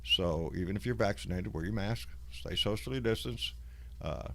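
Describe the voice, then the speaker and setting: Southern guy w a folksy drawl, low voice, hosting a laid back livestream, cusses some. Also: normal speed, gravelly, a bit bright. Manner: salty, profane. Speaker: host of a live online show. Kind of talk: casual livestream chat.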